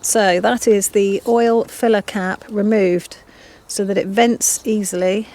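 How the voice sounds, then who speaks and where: A woman's voice: medium pitch, steady tone, slow, dark tone. A chatty woman talks as she works on her motorbike in a home garage. She reads instructions aloud and pokes fun at herself. A faint noise hums in the background. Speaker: motovlogger. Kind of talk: casual chat while working on a motorbike.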